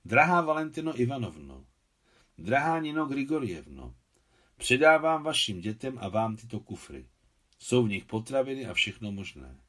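A man voicing a quiet, grave, aging Soviet lieutenant colonel who speaks earnestly and with restraint. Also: mid-range voice, very animated. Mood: solemn.

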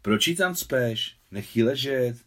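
A man reading an audiobook voices a gentle, forgetful old man who coaxes with patient questions. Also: mid-range voice, lively intonation, pitched above the performer's own voice. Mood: coaxing. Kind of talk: audiobook dialogue.

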